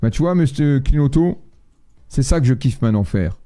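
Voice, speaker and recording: Blunt, slangy man with a dark voice. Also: mid-range voice, animated, moderate pace. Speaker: astrologer and medium hosting a live stream. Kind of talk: casual live-stream chat, reading viewer messages.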